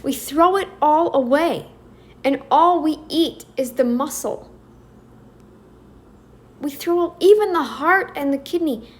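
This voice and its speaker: Woman from North America, slightly high voice, emphatic, rambling, talks to viewers. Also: takes it slowly, long pauses. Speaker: commentary vlogger. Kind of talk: rambling opinion commentary.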